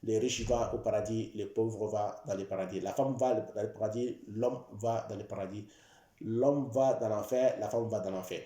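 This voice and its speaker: Male preacher, mellow dark tone, repetitive emphatic sermon delivery, echoey room. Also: fairly low pitch, fairly even intonation, normal speed. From West Africa. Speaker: Islamic preacher. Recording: roomy echo.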